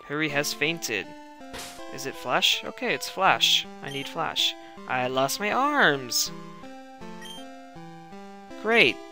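A young man commenting on a game as he plays, reacting out loud and talking to himself, his voice cracking now and then. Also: on the high side, vocal fry. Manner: reacts loudly and talks to himself while playing. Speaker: let's play gamer. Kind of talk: gameplay commentary.

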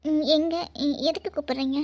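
A woman's voice: sits high, fairly even intonation, normal speed, darkish tone, lo-fi sound. A woman voicing dramatic, emotional cartoon dialogue. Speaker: cartoon voice actor.

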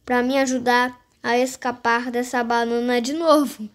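High-voiced female game streamer. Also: level tone, measured pace. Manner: repetitive, addresses viewers directly. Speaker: gaming video host. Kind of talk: casual game commentary.

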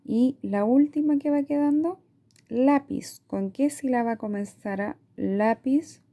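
A teacher with a Chilean Spanish accent walks parents through a reading lesson, her high-sitting voice carrying a dark tone. She goes slowly and patiently, drawing her words out and frequently asking "¿ya?" to make sure they follow.

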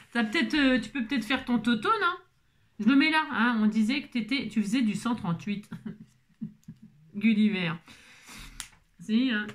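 A woman vlogging casually while opening craft mail at her table at home, chatty and playful, gushing over every item. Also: on the high side.

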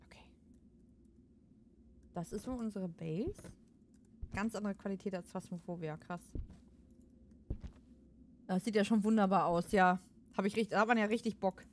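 A woman giving casual let's play commentary, excitable and laughing often, shouting commands at the game. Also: mid-range voice, moderate pace, pauses often, slight background noise.

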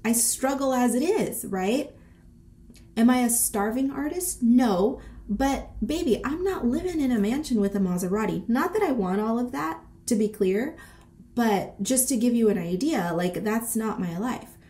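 Sitting in a small decorated room, a thirtysomething boutique owner talks to her vlog audience unhurriedly, her voice on the high side. She sounds congested and a little winded from a cold, but her delivery is sassy and animated, laced with slang and swearing.

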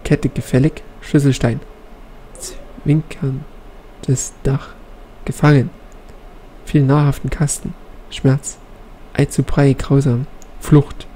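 A man voicing cryptic alien energy beings in slow, halting, fragmented phrases while reading game dialogue aloud. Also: mid-range voice, little pitch movement, warm tone, slight background noise, close to an everyday voice.

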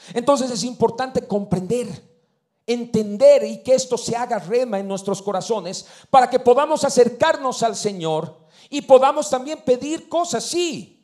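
High-voiced preaching man. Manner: preaching with rising bursts and hushed drops, frequent amen. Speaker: pastor. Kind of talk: sermon.

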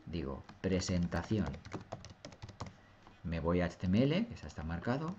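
Male teacher, low voice, patient step-by-step explainer on a dull lo-fi mic. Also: big pitch swings, unhurried, a little mellow, slight background noise. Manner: patient, step-by-step, often asks "¿lo veis?". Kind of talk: screen-recorded software tutorial.

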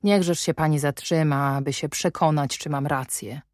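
A woman reading the lines of an ironic, commanding middle-aged English gentleman in an audiobook, in a measured, wry and probing manner. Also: deep voice, steady tone, no echo, clean studio sound, close to an everyday voice.

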